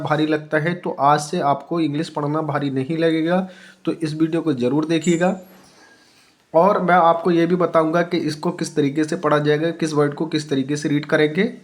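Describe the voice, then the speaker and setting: A man teaching English reading on his channel, spelling out words letter by letter, repeating each point and asking and answering his own questions. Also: fairly high pitch. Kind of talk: YouTube teaching lesson.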